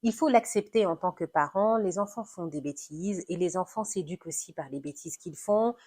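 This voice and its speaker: A woman talking through parenting in an animated, explanatory conversation, acting out little examples as she goes. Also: fairly low pitch, normal speed, husky. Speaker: guest discussing parenting. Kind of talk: conversational discussion.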